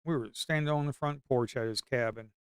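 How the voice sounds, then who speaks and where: A middle-aged Blue Ridge Mountains man with an Appalachian Southern accent chats casually and crudely on a trading stream, rambling through folksy stories and bursting into hollers. His mid-range voice is clear and resonant, and he talks fairly quickly. The studio-quality audio has no room sound.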